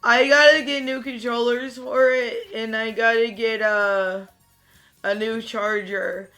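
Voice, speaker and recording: While playing a game, a streamer chats in a raspy, flat monotone that comes across as weary and subdued. He takes his time, wandering off topic and starting sentences over, with gentle music in the background.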